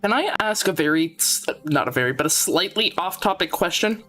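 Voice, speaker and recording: A woman's voice: on the low side, lively intonation, fairly quick, a bit bright, faint music behind. A sweary woman joking casually as a player in a tabletop role-playing game.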